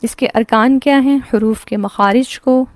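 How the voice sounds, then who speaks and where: A woman with a Pakistani Urdu accent gives an online lesson in a fairly high voice. She explains patiently, step by step, posing questions and answering them herself. The sound is dry and close. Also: dry recording. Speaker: Quran recitation teacher. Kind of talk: online class lecture.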